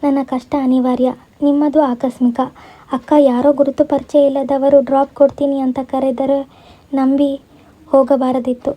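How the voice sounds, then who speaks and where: A woman's voice: high voice, flat delivery, normal speed, dark tone, close to an everyday voice. A woman reading the part of a sorrowful, pleading young woman who is a grieving sister-in-law, in a dull lo-fi recording.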